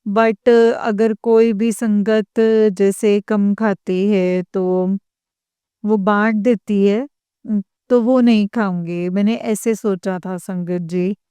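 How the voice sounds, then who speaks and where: A woman sharing a devotional testimony in a halting storytelling manner, often stopping to address her listeners respectfully. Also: medium pitch, steady tone, dark tone, clean tone, no room sound.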